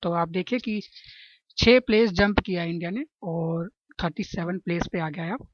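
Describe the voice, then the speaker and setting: A woman's voice: on the low side, normal speed, no room sound, dull audio. A woman teaching general-knowledge exam questions and explaining memory tricks, often checking in with her listeners. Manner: chatty, keeps asking "है ना?" to check understanding.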